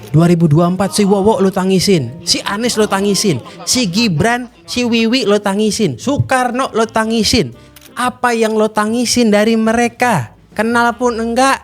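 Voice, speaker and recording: A man hosting a casual commentary, blunt and mocking in manner. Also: sits high. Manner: blunt, mocking, animated slang-heavy talk. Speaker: host. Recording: faint music underneath.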